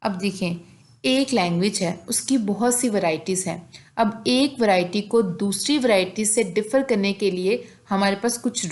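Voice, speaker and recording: Woman slowly explaining a linguistics lesson. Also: medium pitch, darkish tone. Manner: reads English definitions slowly, explains them in Hindi-Urdu. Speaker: teacher. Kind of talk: lecture on linguistics, reading definitions.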